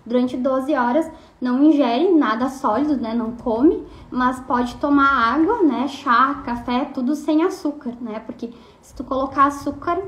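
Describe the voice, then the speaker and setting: Young woman, high voice, informal talk in an echoey room. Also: highs cut off. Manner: chatty, frequent tag questions and fillers. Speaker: nutritionist. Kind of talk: casual explanatory talk.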